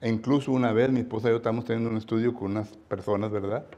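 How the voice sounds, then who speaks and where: A man with a Mexican Spanish accent preaching a sermon, talking in a chatty way with frequent tag questions and loud stressed emphasis on scripture. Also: medium pitch, fairly even intonation, very fast, dull audio.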